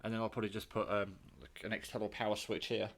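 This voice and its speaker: Standing in his kitchen, a British man demonstrates his homemade radio for viewers, unscripted and rambling, with the occasional mild swear. He talks fast in a fairly low, slightly bright voice with vocal fry and little pitch movement.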